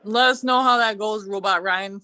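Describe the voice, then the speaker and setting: A woman's voice: medium pitch, normal speed, pushed and bright, no echo. A woman co-hosting a casual live show over a video call, laughing easily between short remarks. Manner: laughs easily, light reactions. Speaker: co-host of a live online talk show. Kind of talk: casual chat.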